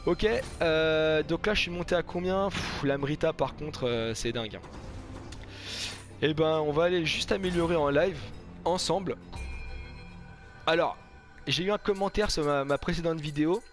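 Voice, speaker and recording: A man's voice: fairly high pitch, normal speed, long pauses, faint music behind. A man giving casual game commentary as host of a gaming video, chatty, informal and slangy.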